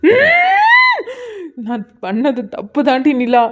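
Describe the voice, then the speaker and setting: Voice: medium pitch, wildly swooping pitch, slow pace, highs cut off. A performer voicing a remorseful young husband in a cartoon, pleading and blaming himself. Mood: anguished. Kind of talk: cartoon voice acting.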